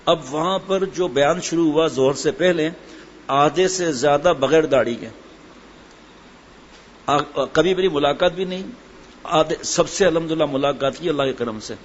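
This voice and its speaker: A middle-aged man giving a sermon and telling a humorous story, acting out the voices of the people in it. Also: on the high side. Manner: storytelling, acts out quoted voices. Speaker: Islamic preacher. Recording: dull lo-fi with faint hiss.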